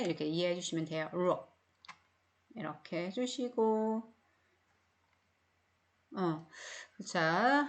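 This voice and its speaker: A middle-aged woman teaching phonics in a recorded online English lesson, speaking with a Korean accent and explaining each word patiently with many repeats. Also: lowish voice.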